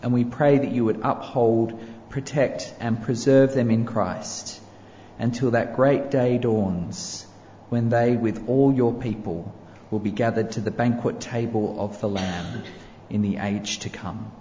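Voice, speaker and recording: Praying aloud in public, a pastor speaks in a steady, mid-range voice with a mellow, dark tone and a solemn, measured rhythm. The sound is a bit muffled, carried by the long reverb of a big church hall over faint ambience and light background noise.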